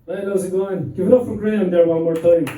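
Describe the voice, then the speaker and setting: A Limerick comedian in his thirties does a crude, self-deprecating stand-up set on a pub stage, trading banter with the live crowd while slightly out of breath. His voice is high, fairly even, and quick, captured by a distant mic in a roomy, very noisy pub.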